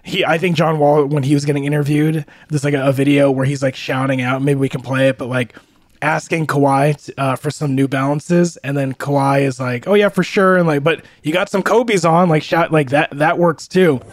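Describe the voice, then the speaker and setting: A man's voice: medium pitch, little pitch movement, moderate pace, no echo. A man co-hosting a sports podcast in casual chat, rambling with lots of restarts. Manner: rambling, full of likes and restarts. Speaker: podcast co-host.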